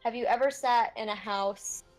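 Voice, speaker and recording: A woman's voice: fairly high pitch, darkish tone, faint music behind, poor audio. A woman narrating a tabletop game as game master, describing scenes with frequent fillers. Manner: unhurried, descriptive, many fillers.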